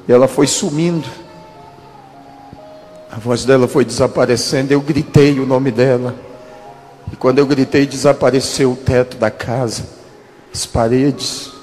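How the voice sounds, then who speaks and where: A pastor in his thirties telling a dramatic testimony in a sermon, with slow emphatic pauses. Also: mid-range voice, a little mellow. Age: 30s. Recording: long church-hall reverb with music.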